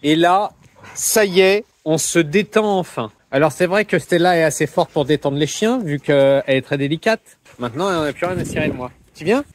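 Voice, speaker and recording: A man's voice: a little high, lively intonation, moderate pace. A young man who runs a dog boarding kennel, chatting playfully on a handheld phone outdoors and calling to the dogs. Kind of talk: casual vlog narration. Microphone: phone held in hand.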